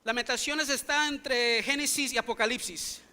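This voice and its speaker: In a church sanctuary, a male pastor whose native language is English preaches in another tongue, emphatic and full of rhetorical questions for the congregation. He keeps a steady tone at a moderate pace, his very high voice bright and forceful.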